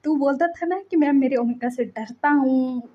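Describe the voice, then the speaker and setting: A woman's voice: high-pitched, normal speed, muffled recording, lightly acted. A woman voicing a young man who gloats and teases his friend, in a storybook reading. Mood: gloating. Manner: gloating, teasing.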